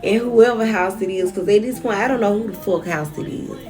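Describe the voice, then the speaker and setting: A woman's voice: mid-range voice, a little fast, a little mellow, faint music behind. A young woman vlogger telling a personal story straight to her viewers, frank and often profane.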